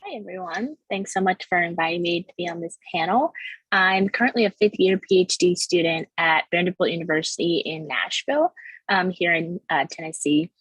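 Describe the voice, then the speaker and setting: A woman's voice: fairly low pitch, fairly quick, fairly bright tone, breathy edge, no room sound, rough recording. A woman speaking politely and explaining her work as a PhD-student panelist on a video call. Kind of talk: online panel talk.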